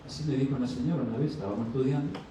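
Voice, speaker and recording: A male pastor preaches a sermon with a mellow, dark tone. He asks his listeners questions and acts out little dialogues, lifting his voice for them. He is heard from a distant mic in a very echoey church, with faint noise behind him. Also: medium pitch, racing. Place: church sanctuary.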